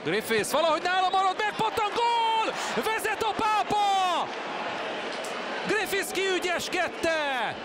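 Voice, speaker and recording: A Hungarian man commentates live on football in an excited, exclaiming manner. His voice sits high, and a very loud crowd and heavy stadium noise surround it. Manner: excited, exclaiming at key chances.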